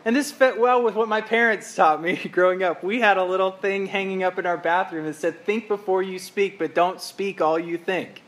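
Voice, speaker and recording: A man's voice: sits high, normal speed, hardly any pauses, fairly bright tone. A middle-aged male pastor preaching a sermon in an earnest, reflective, conversational way, reading scripture aloud.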